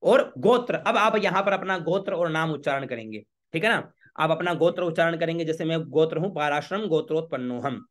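A man, a priest teaching a home worship ritual step by step, chanting Sanskrit lines slowly and checking with the listener often. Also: a little high. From Rajasthan, India. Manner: patient, repeats checks like "okay?".

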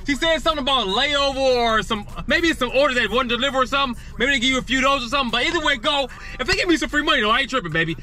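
A man's voice: very high voice, animated, racing, few pauses, pushed and bright. A man in his thirties vlogging his gig deliveries from inside his car, hyping himself up with little rhymes and calling everyone baby. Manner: hypes rhymes, keeps saying baby. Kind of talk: casual ride-along vlog. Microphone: dash camera facing driver.

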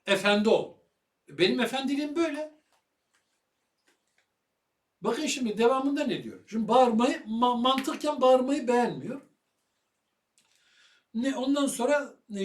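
A man giving heated video commentary on religious matters, loud and fiery, firing rhetorical questions at his listener. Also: very high-pitched, reverberant, distant mic.

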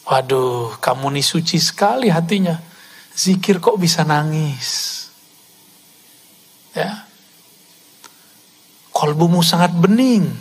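A male preacher voicing a sly male devil who flatters a worshipper in a low, soft, coaxing tone. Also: slow pace, pauses often, husky, full character voice. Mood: flattering.

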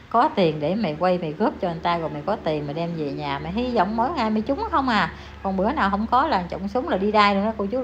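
A woman with a Southern Vietnamese accent rants through a heated commentary vlog, scolding and talking down to the person she is criticizing. Her voice sits at an ordinary middle pitch. The recording sounds slightly dull, with faint ambience behind her. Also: slight background noise. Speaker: online commentator.

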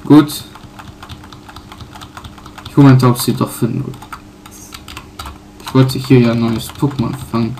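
A man casually commenting on his own playthrough, pausing often with fillers and correcting himself. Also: medium pitch, fairly even intonation, warm tone, slight background noise. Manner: halting, many fillers and self-corrections. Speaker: let's player.

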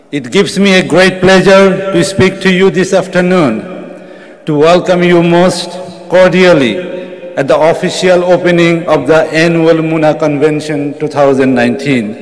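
A middle-aged man giving a formal welcome speech from a podium microphone in a large convention hall. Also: on the high side. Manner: reads a prepared address at a podium.

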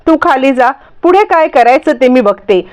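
A woman reading the lines of a calm young bride who reassures and directs others firmly. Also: high voice, moderate pace, clean tone. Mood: reassuring. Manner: reassuring, firm.

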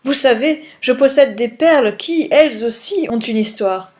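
A woman's voice: a little high, moderate pace, darkish tone, lightly acted. A woman reading a gushing rich lady. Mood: boastful. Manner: effusive, boastful.

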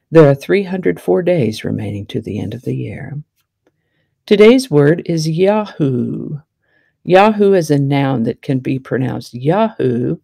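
A woman's voice: a bass voice, gravelly, mellow, breathy edge, no echo. A woman from Texas hosting a daily history segment, reading from a script with chatty, wry asides and words stretched out for emphasis. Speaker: host.

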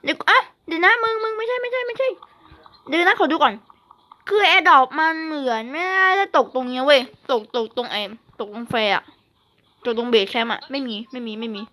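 A woman chatting casually and excitedly while playing a video game, often repeating short phrases. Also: sits high, a little fast. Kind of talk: excited casual gaming chat. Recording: faint background noise, clicks.

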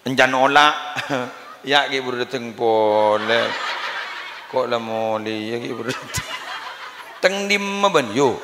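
A man preaching a comic sermon with a Madurese accent, jokey and lively, often laughing and breaking into chant, at a live religious gathering. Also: medium pitch, slow, pauses often, noisy background. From Indonesia. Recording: echoey live hall with ambience.

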